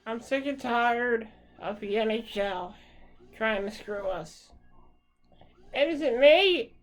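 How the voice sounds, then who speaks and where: Woman ranting mad about hockey, swearing a lot, talks slow and kinda high. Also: lively intonation, faint music behind, low-quality recording. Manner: angry, profane, ranting. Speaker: hockey fan. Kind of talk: angry rant to camera.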